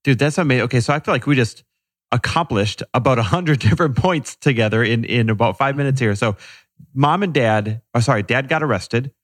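A man with a medium-pitched voice hosts a conversational interview. He speaks informally, summing up what he has heard and prompting with short questions. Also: a little fast, fairly bright tone, dry recording. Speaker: interview host.

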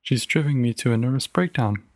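A man's voice: mid-range voice, fairly quick, a little mellow, no echo, close to an everyday voice. A man voicing a stern, determined mother, reading her lines firmly and insistently in a storybook reading. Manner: firm, clipped and insistent.

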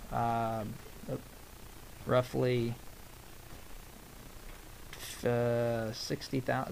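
An American man hosting live election-night radio, giving unscripted political commentary in a halting way, often repeating phrases and breaking off to read figures. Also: mid-range voice, a little hiss or hum, rough recording.

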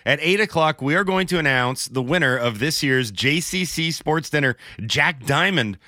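Bright-voiced man hosting morning sports radio. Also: on the high side, animated, moderate pace. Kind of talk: radio show hosting, reading sponsors and rundown. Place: radio studio.

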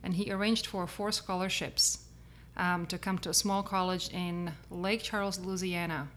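A woman's voice: fairly low pitch, little pitch movement, normal speed, a bit bright, a little hiss or hum. Middle-aged woman with a Czech accent. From Czech Republic, grew up in Prague. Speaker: interview guest, real estate agent. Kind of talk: conversational interview.

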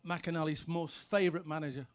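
Brief: middle-aged ex-player man, high voice, brash comic yarns. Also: fairly even intonation, brisk. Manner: brash, punchy, sweary punchlines. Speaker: former footballer telling stories. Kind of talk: comic anecdotes, stand-up storytelling.

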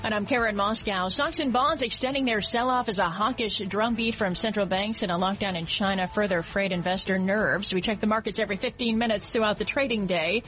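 A woman's voice: medium pitch, brisk, few pauses, a bit bright, faint music behind. A woman anchoring radio business news, reading stock prices in a scripted market report style. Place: radio studio.

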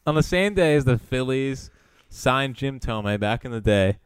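A man's voice: mid-range voice, animated, unhurried, smooth, no echo. A man co-hosting a casual sports podcast, teasing and playful with his co-host.

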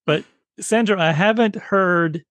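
A man hosts an interview in an easygoing, agreeable way, often restarting his sentences. His voice sits a little high for a man. The sound is close and dry. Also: a little slow, fairly bright tone, no echo. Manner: affable, agreeable, frequent restarts. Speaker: interviewer, host. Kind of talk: conversational interview.

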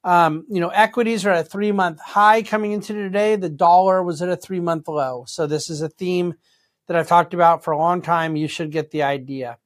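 A man hosting an unscripted financial commentary, conversational, with deliberately stressed phrases. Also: high-pitched, steady tone. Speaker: host and market commentator.

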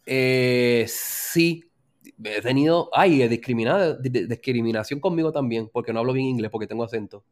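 A man with a Puerto Rican accent, a flight attendant, telling anecdotes in casual chat, filling pauses with "este". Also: mid-range voice. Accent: Puerto Rican Spanish. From Puerto Rico.

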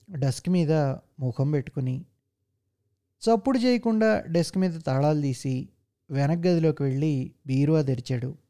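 Male story narrator, steady reading, mellow tone, a bit high for a man.

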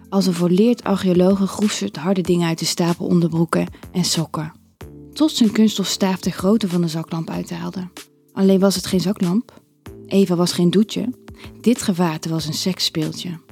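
A woman narrating an erotic audio story in a calm, even storytelling manner. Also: lowish voice.

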